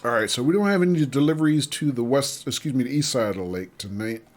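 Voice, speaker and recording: A man with a mid-range voice livestreams a game, chatting casually with viewers while he plays, reading their messages aloud and greeting them by name. He talks fast with lively intonation, over soft background music.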